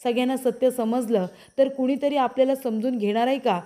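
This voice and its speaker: A woman voicing a young husband who keeps calming his wife and coaxing her to stay quiet. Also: sits high, fairly quick, natural voice. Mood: soothing. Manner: soothing, coaxing, repeating pleas.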